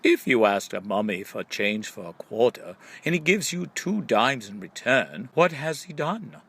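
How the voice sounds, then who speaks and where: A male audiobook reader, very animated, with a medium-pitched, slightly bright and breathy voice, reads riddles from a script. He uses a question-and-answer delivery, setting up each question and drawing the punchline out.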